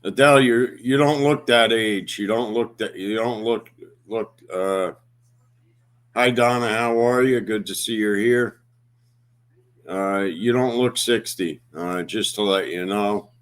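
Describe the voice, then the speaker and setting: Man, fifties, livestream host, slow halting talk, lower voice. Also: fairly bright tone. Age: 50s. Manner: slow, halting, many fillers. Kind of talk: casual livestream chat.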